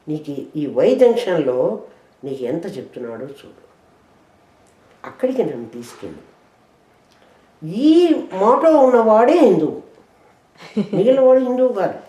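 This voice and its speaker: Woman teacher leading a scripture lesson with rhetorical questions, mellow voice, roomy echo. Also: medium pitch, big pitch swings, muffled recording. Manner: explains verses with rhetorical questions; chants verses slowly. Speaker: spiritual teacher.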